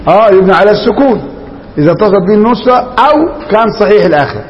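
A man's voice: sits high, expressive, fast talker, long reverb tail, highs cut off, a little hiss or hum. A man with an Egyptian Arabic accent teaching a classroom grammar lesson, quizzing students and repeating their answers.

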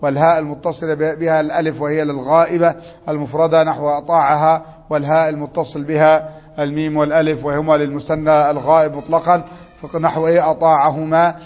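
A man's voice: fairly high pitch, flat delivery, quick pace, long reverb tail, dull audio. A man with an Egyptian accent teaching a grammar lesson, prompting students with questions and reading rules aloud. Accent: Egyptian Arabic.

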